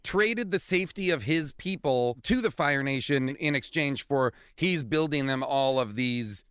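A man's voice: medium pitch, expressive, a little slow, a bit bright, smooth, no echo, clean studio sound. A man giving casual, analytical commentary in conversation, making his points emphatically. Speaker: podcast panelist.

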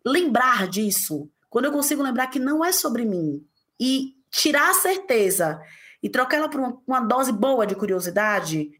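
A woman from the interior of Bahia, speaking as a guest in an interview in an emphatic, passionate way with big pitch jumps. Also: sing-song, moderate pace, a bit bright. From interior of Bahia, Brazil. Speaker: guest, parenting author. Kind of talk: conversational interview.

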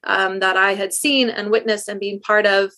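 Her medium-pitched voice is pushed and bright, steady in tone and moderate in pace. As a guest in an interview, this speech language pathologist from South Africa answers earnestly and thoughtfully about her work, with many restarts as she rephrases.

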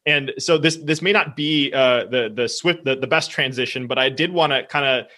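A man's voice: medium pitch, moderate pace, pushed and bright. A man hosting a podcast, asking long, rambling questions with many fillers. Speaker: podcast host. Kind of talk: casual interview questions.

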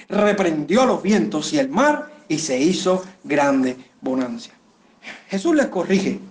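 A pastor preaching a sermon, speaking straight to his listeners and swinging his voice up and down for emphasis. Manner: expressive preaching, pitch rising and falling for emphasis; addresses listeners directly.

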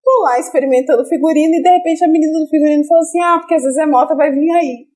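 A woman's voice: high-pitched, racing, a little mellow. A young adult woman from Brazil, a guest actress on a casual podcast, telling a story with laughter and acted-out quoted lines.

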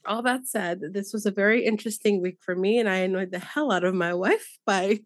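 A woman's voice: mid-range voice, brisk, no room sound, studio quality. A woman co-hosting a true crime podcast, chatting casually and rambling with fillers and laughs. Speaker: podcast co-host. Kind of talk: casual chat.

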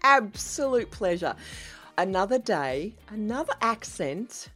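A woman's voice: medium pitch, big pitch swings, slow, fairly bright tone, no echo, soft background music. A woman hosting a podcast interview, introducing and questioning her guest with enthusiasm. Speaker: podcast host.

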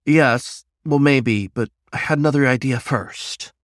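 A man voicing a young male chipmunk who is easily flustered and answers in quick, fussy replies. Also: medium pitch, no room sound, clean studio sound, natural voice.

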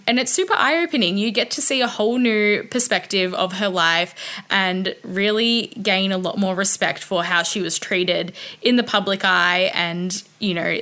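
A woman's voice: medium pitch, pushed and bright. A woman, casually and enthusiastically giving recommendations as a podcast contributor. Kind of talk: casual review.

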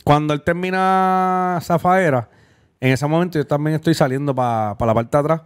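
A man's voice: fairly high pitch, moderate pace, clean tone, no room sound, clean studio sound. A man with a Puerto Rican Spanish accent, co-hosting a casual podcast, teasing and bantering with the others. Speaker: podcast co-host. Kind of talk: casual chat.

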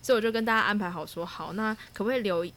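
A woman telling a personal travel story in a casual chat, laughing often and pausing to search for words. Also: mid-range voice, a loud crowd.

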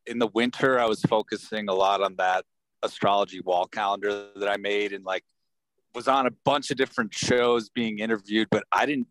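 A man's voice: lowish voice, a bit bright, a little hiss or hum, rough recording. A man who is a podcaster and astrologer, chatting loosely and rambling with lots of fillers while talking over a car speakerphone as he drives. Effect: car speakerphone while driving. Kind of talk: casual panel chat over a call.

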